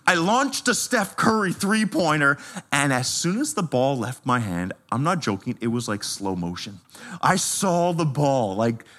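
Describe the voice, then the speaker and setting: A man, a pastor giving a sermon with personal stories in a conversational, animated way. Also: fairly high pitch. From Canada. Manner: animated, conversational, laughs while telling stories.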